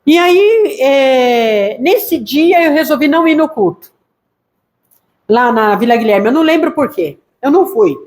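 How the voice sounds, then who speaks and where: A woman missionary pastor with a Brazilian Portuguese accent, telling her church testimony in a lively way and acting out voices. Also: high-pitched, unhurried. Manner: lively storytelling, acts out quoted voices.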